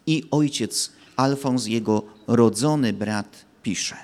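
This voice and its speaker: A male priest giving a sermon, speaking slowly and emphatically and stressing key words. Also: mid-range voice, darkish tone. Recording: long church reverb.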